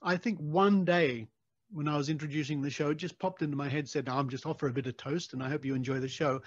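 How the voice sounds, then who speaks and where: Chatting animatedly and laughing easily, a man with an Australian accent hosts a casual interview podcast. His voice is a little high, with a steady tone and quick pace, captured in a dry, slightly dull recording.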